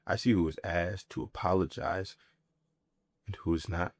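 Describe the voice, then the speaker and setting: A man with a deep, low voice delivers a spoken-word monologue, laying down short, weighty phrases in a slow, reflective way. There's vocal fry in his voice, and the recording is completely dry with no room sound.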